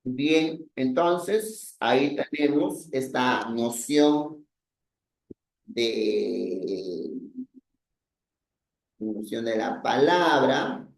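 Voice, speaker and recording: A man's voice: medium pitch, lively intonation, extremely slow, creaky, long pauses. A man teaching a language class, explaining patiently, repeating himself and often checking with "¿no?". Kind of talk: language lesson. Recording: echoey room.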